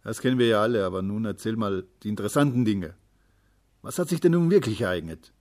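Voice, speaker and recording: A man voicing a gruff, blustering father who talks loudly. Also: on the low side, sing-song, fast, full character voice. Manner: loud, blustering.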